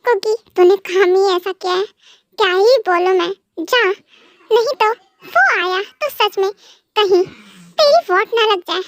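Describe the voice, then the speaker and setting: A woman's voice: very high voice, measured pace, no echo, clean studio sound. Teasing young female friend, mocking tone, voiced by a young woman, fan dub.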